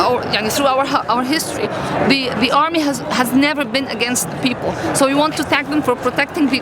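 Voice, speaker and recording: High-voiced, emphatic Egyptian woman amid crowd noise. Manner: emphatic, repeating phrases for stress. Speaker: pro-democracy activist interviewed at a street protest. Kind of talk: impassioned street interview. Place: outdoors in a crowded city square. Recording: outdoor street, loud crowd and traffic noise.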